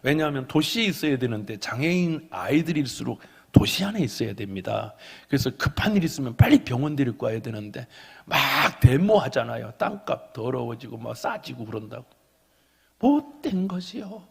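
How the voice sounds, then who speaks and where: A middle-aged male pastor preaching a sermon, telling a story and swinging from soft whispers to loud exhortation. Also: medium pitch, sing-song, moderate pace, vocal fry, slightly rough. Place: church sanctuary. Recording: long reverb of a church hall.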